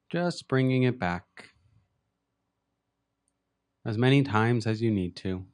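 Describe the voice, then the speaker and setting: A meditation teacher with a low, clean voice gives guided meditation instruction. He speaks gently and unhurriedly, pausing at length between short phrases.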